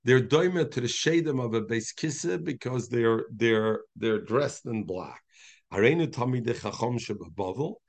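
A man's voice: medium pitch, expressive, normal speed. A man with a Yeshivish accent teaching a daily Talmud class, mixing Aramaic and Yiddish phrases into his English and calling on students by name. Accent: Yiddish-inflected Yeshivish English.

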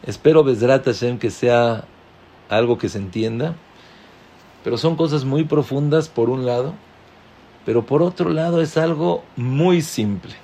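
A man teaching a Torah class, speaking slowly and emphatically, with sudden leaps in pitch on key words. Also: dark tone. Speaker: rabbi.

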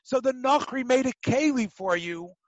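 A man with a notably high-pitched voice teaches a religious text lesson. He is animated and conversational, often throwing out a question and answering it himself. He repeats phrases to drive a point home. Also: normal speed, no echo. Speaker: teacher of a Talmud class.

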